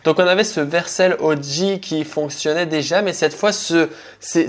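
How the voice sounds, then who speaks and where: A man hosting a casual coding tutorial, talking informally straight to the viewer with quick asides. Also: fairly high pitch. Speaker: tech tutorial host.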